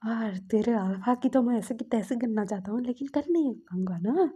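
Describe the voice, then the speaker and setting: A protective older uncle, caring and soothing, as a woman retelling a story puts him on. His voice is dark and husky. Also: fairly high pitch, normal speed.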